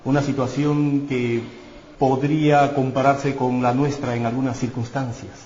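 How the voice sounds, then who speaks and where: A man's voice: medium pitch, flat delivery, unhurried, darkish tone. A male pastor preaching a sermon earnestly with rising emphasis, recorded in a church hall. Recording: echoey church hall, dull sound, faint noise.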